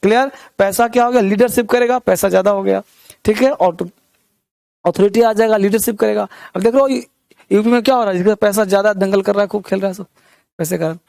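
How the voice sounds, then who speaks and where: High-voiced Indian man teaching vocabulary. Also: steady tone, fast, creaky, a little mellow, no echo. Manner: repeats words with rhymes and memory tricks, asks the class questions. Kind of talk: vocabulary lesson.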